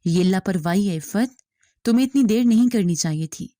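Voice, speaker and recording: A woman's voice: medium pitch, lively intonation, dark tone, dry recording, clean studio sound, lightly acted. A woman reading a stern, reproachful husband. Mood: angry. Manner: reproachful, questioning. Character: stern worried husband, middle-aged man.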